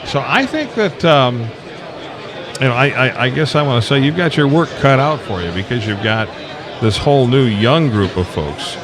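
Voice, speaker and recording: With crowd chatter and convention bustle behind him, a Tennessee radio host conducts a relaxed live interview in a Southern drawl, wandering folksily while he searches for what to say. His voice sits in the mid range, animated, at a moderate pace.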